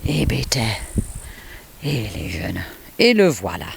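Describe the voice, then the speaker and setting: A man's voice: fairly low pitch, huge pitch swings, slow pace, vocal fry, a little hiss or hum. A man filming by a lake outdoors on a camcorder, talking to his dogs in coaxing, cooing baby talk with sing-song exclamations. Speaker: dog owner filming a home video.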